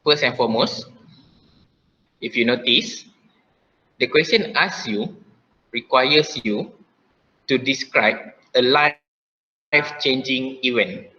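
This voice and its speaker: A man's voice: medium pitch, slow, pauses often, pushed and bright, lo-fi sound. A male teacher with a Malaysian English accent gives an online class lesson. He often says "okay" and repeats his instructions step by step.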